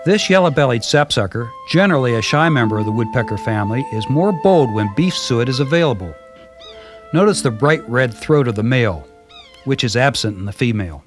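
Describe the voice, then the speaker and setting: A man giving calm, measured scripted narration for a backyard birding video, heard from a worn VHS tape copy. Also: mid-range voice, faint music behind. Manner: calm, measured, gently descriptive. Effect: worn VHS tape copy with faint hiss.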